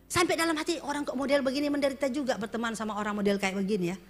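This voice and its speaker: A woman's voice: on the high side, steady tone, very fast. A woman pastor preaching a sermon, speaking animatedly and addressing her congregation directly.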